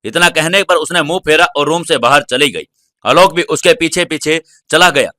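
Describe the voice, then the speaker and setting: A man narrating a serialized audio story in a steady storytelling manner. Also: a little high, moderate pace, no room sound, studio quality.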